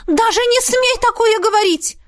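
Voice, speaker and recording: A woman reading an audiobook and voicing a vain, gushing middle-aged mother in an excited, high sing-song chatter. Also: normal speed. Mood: insistent. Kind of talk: audiobook character voice.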